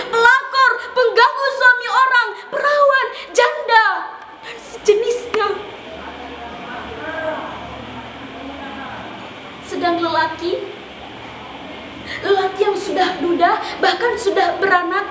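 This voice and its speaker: A woman performing a theatrical monologue as an anguished, fatherless daughter, a sorrowful tragic heroine speaking in declamatory phrases with dramatic pauses. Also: very high voice. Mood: bitter grief. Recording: distant, echoey, clearly noisy room recording.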